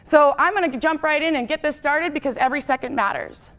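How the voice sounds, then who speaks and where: Fast, lively woman telling her story. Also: sits high. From Wyoming, US. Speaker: speaker. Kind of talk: personal testimony speech.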